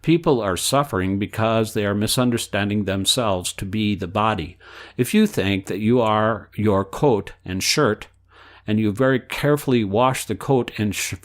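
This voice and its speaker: A man reading aloud the answers of an elderly male spiritual teacher, in a measured way that speaks the quote marks aloud. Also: lowish voice, lightly acted. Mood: explaining.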